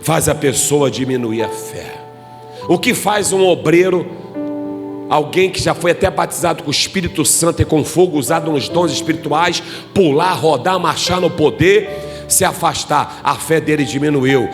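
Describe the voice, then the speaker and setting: A man preaching a fervent sermon as pastor, rising to shouted climaxes and dropping to hushed pleading. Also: a little high, normal speed. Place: church hall. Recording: reverberant church hall with music behind.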